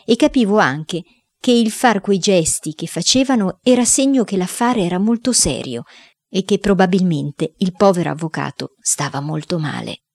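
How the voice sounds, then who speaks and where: Low-voiced woman reading a storybook. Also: normal speed, no echo. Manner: expressive first-person reading as a boy. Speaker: narrator reading a children's novel. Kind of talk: scripted audiobook narration.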